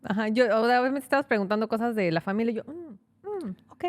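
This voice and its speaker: Animated woman lawyer telling a story. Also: on the high side, very fast. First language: Spanish. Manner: animated, acts out quotes, many fillers. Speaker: immigration lawyer, podcast co-host. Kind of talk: casual storytelling chat.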